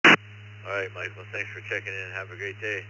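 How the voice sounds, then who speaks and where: Low-voiced man on a very noisy radio link. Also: little pitch movement, normal speed. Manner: courteous, procedural. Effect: two-way radio. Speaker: radio net controller. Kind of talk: running an amateur radio check-in net.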